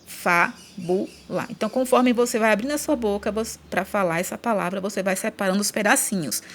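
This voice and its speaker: This woman talks at a quick pace in a mid-range voice, her Brazilian Portuguese accent clear as she leads a children's grammar lesson. Patient throughout, she elongates syllables while chanting example words.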